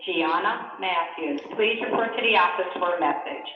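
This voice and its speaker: A woman making a school office announcement over the intercom, calling out the message twice in a measured way. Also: fairly low pitch. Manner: measured, repeats the call twice. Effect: over a school intercom loudspeaker. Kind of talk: public address announcement. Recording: muffled, echoey intercom from far off.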